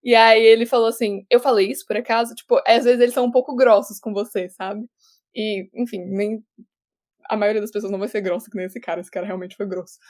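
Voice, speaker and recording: A young woman from Brazil chats casually as a guest on a remote call. She keeps restarting her sentences and laughs easily as she explains things. Her voice sits at an ordinary middle pitch. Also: steady tone, a little fast, darkish tone. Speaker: actor guest. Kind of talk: casual interview chat.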